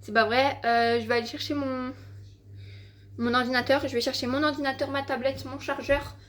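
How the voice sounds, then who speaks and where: A woman's voice: sits high, fairly even intonation, normal speed, fairly bright tone. Rambling teen girl vlogging at home. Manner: rambling, filler-heavy, swearing, exasperated storytelling. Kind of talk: casual vlog chat to camera. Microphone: handheld phone.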